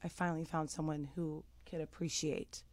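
A middle-aged woman speaks as a guest in a candid interview, earnest and emotional, often repeating words as she goes. Her voice sits low with a darkish tone, delivered flatly at a moderate pace.

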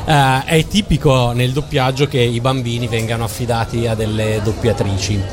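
A man's voice: mid-range voice, flat delivery, moderate pace, over music. A man co-hosting an interview, posing questions conversationally. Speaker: interview co-host.

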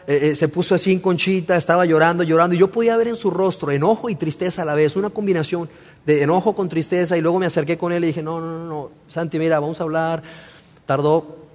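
Male pastor in his thirties, high-pitched voice, casual preaching with emphatic repetition, long hall reverb. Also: quick pace, darkish tone. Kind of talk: sermon.

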